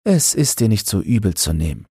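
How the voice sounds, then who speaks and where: A man's voice: lowish voice, expressive, moderate pace, dark tone, slightly rough, dry recording, studio quality, voice pushed up. A man voicing a kindly, devout wife of a river boatman in a storybook reading. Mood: gentle. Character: old woman, a boatman's wife, gentle and devout.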